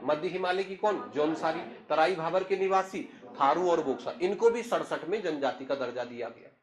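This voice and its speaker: Man teaching a lecture, fairly high voice. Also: normal speed. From Tehri district, Uttarakhand, India. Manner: explanatory, asks the class questions and answers them himself. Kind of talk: classroom lecture.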